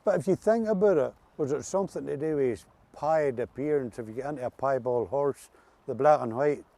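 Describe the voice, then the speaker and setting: A man's voice: mid-range voice, a little fast, creaky, dark tone, dry recording. A man with an Ulster Scots accent, chatting casually and reminiscing in folksy dialect as an interview guest. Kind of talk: casual reminiscing chat about local dialect words.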